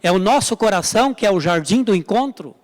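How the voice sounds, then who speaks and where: High-voiced pastor preaching in a hall. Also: male voice, animated, brisk. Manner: emphatic, repetitive preaching with direct appeals. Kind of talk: sermon. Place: church service.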